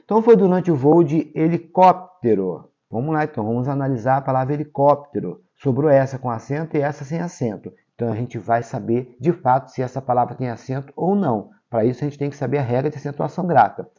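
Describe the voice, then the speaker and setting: A Brazilian male teacher walks through a grammar lesson for exams, checking in with his students after each point. His voice is mellow and warm, and he pushes key words up in pitch and volume for emphasis. The audio is a bit dull and muffled. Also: fast talker, few pauses. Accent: Brazilian Portuguese. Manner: explains step by step, checks in with "tá?" and "ok?"; lively, stresses key words with jumps in pitch and loudness. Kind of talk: exam-prep grammar lesson.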